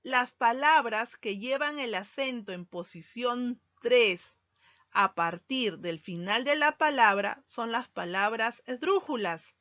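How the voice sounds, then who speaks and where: Woman teacher, slow deliberate lesson delivery, lo-fi sound. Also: on the high side, fairly bright tone, dry recording. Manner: slow, deliberate, stresses key words. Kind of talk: recorded grammar lesson. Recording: dull lo-fi sound, dry.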